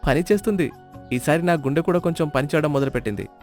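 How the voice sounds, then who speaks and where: Voicing a miserly middle-aged villager for a storybook, a man whines ruefully and tallies every rupee in a light performance. His voice is on the high side, fast and a little mellow, with faint music playing behind him.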